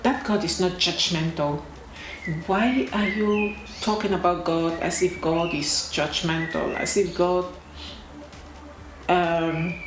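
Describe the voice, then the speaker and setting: Slow, deliberate woman in echoey room. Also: lowish voice. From Cameroon. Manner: slow and deliberate, pausing, emphatic repetitions. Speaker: vlogger. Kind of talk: casual talk to camera. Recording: echoey room with clear background noise.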